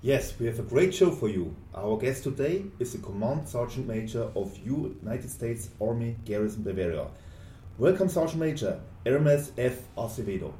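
Calm man, dark roomy sound. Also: mid-range voice, normal speed. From Germany. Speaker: podcast co-host, public affairs officer. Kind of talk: podcast interview. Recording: roomy, distant mic, faint background noise.

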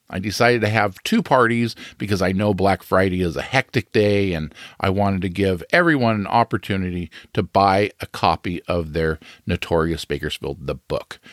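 A man's voice: sits low, expressive, moderate pace, hardly any pauses, no room sound, studio quality. A man hosting a podcast, reading a scripted true crime narration.

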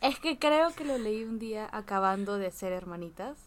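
A woman's voice: mid-range voice, animated, moderate pace, a crowd in the background. A woman co-hosting a casual chat, playfully sharing her notes on the reading with jokes. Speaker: podcast co-host.

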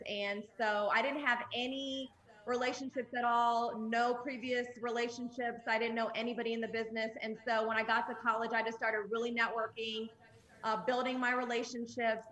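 A woman's voice: fairly high pitch, sharp tone, roomy sound, low-quality recording. A woman born in Jordan, an upbeat, talkative guest speaking over a video call. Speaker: music industry guest. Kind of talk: casual interview.

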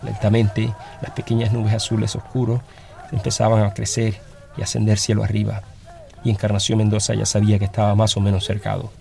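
A man reading a story aloud as narrator, in a steady, dramatic storytelling manner. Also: on the low side, vocal fry.

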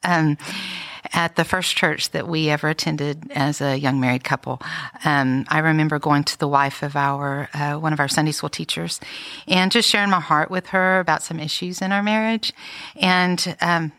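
Soft-spoken woman, dry sound. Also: sits low, steady tone, moderate pace, no room sound. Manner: reflective, many fillers and restarts. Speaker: podcast co-host. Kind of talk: casual chat.

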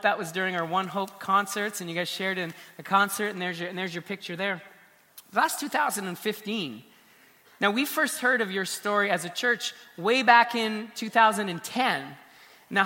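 Man, pastor, earnest, high voice, long church reverb. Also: bright, forceful tone. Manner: earnest, repeats words when starting a phrase. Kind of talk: church stage talk and interview.

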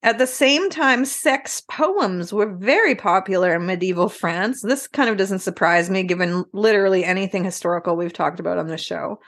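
A woman's voice: mid-range voice, moderate pace, hardly any pauses, fairly bright tone. A woman co-hosting a podcast in casual chat, frank and blunt, swearing freely. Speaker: podcast co-host.

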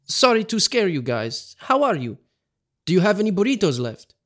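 A man putting on a gentle Italian-accented fellow who asks nicely, apologizes and sulks when snubbed, pitched a good bit above his own voice and sounding a little bright. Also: big pitch swings, moderate pace. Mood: polite. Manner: polite, apologetic, easily hurt.

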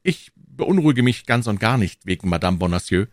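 Brief: bold, earnest young swordsman, male reader's own voice, low and dry. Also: animated, normal speed, no room sound, natural voice. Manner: earnest, impassioned.

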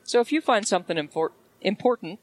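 A podcast co-host speaks at a mid pitch. They mostly chime in briefly to back up their partner, and sometimes explain a point in plain terms. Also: lively intonation, quick pace, slight background noise. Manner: brief supportive interjections. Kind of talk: casual podcast chat.

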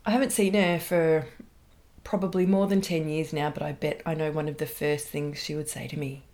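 A middle-aged Australian woman talks through her solo podcast in a fairly low voice. She is candid and chatty, and she pokes fun at herself as she goes. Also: fairly even intonation, darkish tone. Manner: candid, chatty, self-deprecating with quick laughs. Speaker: podcast host.

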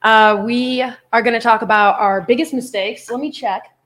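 A woman's voice: fairly high pitch, steady tone, moderate pace, crowd noise. A woman hosting a casual panel chat, telling stories with frequent laughs and some swearing. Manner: laughing, swearing, chatty storyteller. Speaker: host.

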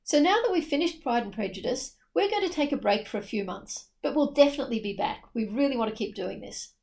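A woman's voice: a little high, expressive, fast talker, vocal fry, darkish tone. A woman co-hosting a book podcast, talking in a chatty, opinionated way with emphatic repeats. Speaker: podcast co-host. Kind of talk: casual book discussion.

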